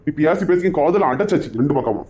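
A woman's voice: low-pitched, expressive, fast, dark tone, pitched below the performer's own voice. Woman doing a sulky grieving father. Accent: Kanyakumari Tamil. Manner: pleading, complaining, sulky. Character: grieving soft-hearted father and husband. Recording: dull lo-fi sound.

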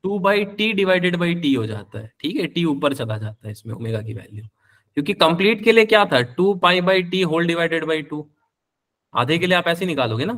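A young man teaching physics in a live online class, with a slightly high voice. He talks in a chatty, fatherly way, mixing in terms. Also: animated, normal speed, a bit bright. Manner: chatty, calls students beta, answers their questions.

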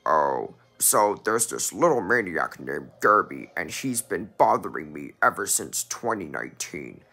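A young fan voicing a sinister, scheming dark twin of a masked knight who plots in a low, drawn-out way. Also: very animated, gravelly, slightly rough, heavily acted.

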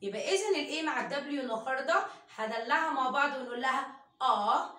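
A woman with an Egyptian accent teaching English phonics. She drills the sounds slowly and loudly, switching between Arabic and English. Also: sits high, lively intonation, roomy sound. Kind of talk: phonics lesson.

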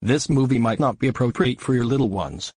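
A man's voice: medium pitch, brisk, darkish tone, breathy edge, no echo, studio quality, close to an everyday voice. A man playing an officious, by-the-book cinema ticket clerk in a cartoon. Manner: formal, by-the-book.

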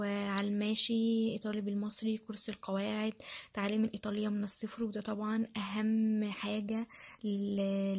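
In a casual screen-share tutorial, a woman with an Egyptian Arabic accent shows how she studies languages. Her mid-range voice is a little mellow with a breathy edge, and she chats along, repeating phrases and using lots of fillers.

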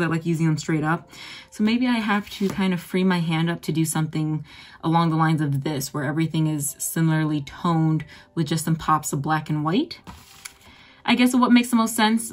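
A young woman talking casually while she draws, with a groggy morning voice and a chatty, rambling, self-deprecating manner. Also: on the low side. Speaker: art vlogger. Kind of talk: casual narration while drawing.

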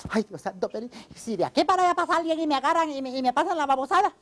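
A woman's voice: sits high, lively intonation, racing, a bit bright. A woman playing Doña Tencha, a panicky, bossy older housewife, in a comic sketch, talking in frantic pleas and exclamations. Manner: frantic, pleading, full of sighs and exclamations.

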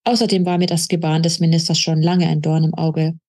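A woman's voice: deep voice, little pitch movement, fairly quick. Woman reading as a kind fatherly official. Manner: warm, gently admonishing. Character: kind fatherly male official, calm, protective.

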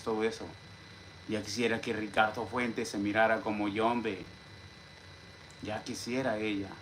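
A Mexican man rants on a casual live stream, boasting about himself and dropping "hombre" into nearly every sentence. His voice sits at an ordinary middle pitch, and he stops to greet viewers from the chat. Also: a bit bright, slight background noise. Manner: boastful, repeats "hombre" constantly.

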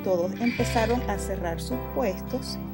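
A woman narrating a toy-game story in a gentle storytelling tone. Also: mid-range voice, normal speed. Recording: loud background music.

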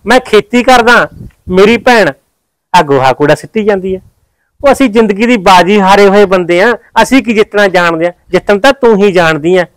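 A man acts out a farmer husband with a Malwai Punjabi accent, reproaching his wife. His voice sits high and the sound is dry and close. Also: moderate pace, no echo, natural voice, poor audio. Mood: reproachful. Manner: pleading, reproachful. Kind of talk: village comedy drama acting.

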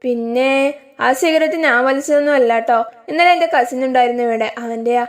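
Young husband, teasing and tender, high-voiced as a woman storyteller puts him on. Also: normal speed, lightly acted. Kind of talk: storytelling with acted dialogue.

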